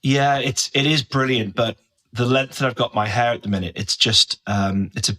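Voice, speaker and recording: Bright-voiced enthusiastic guest. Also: male voice, medium pitch, fairly even intonation, moderate pace, low-quality recording. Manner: enthusiastic, gushing about products. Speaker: guest, brand creative officer. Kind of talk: casual interview chat.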